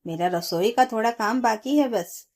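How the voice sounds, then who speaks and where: Tired, pleading young daughter-in-law, read by a woman narrator; soft, gentle appeals, a touch higher than her plain voice. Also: moderate pace, close to an everyday voice. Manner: pleading, weary.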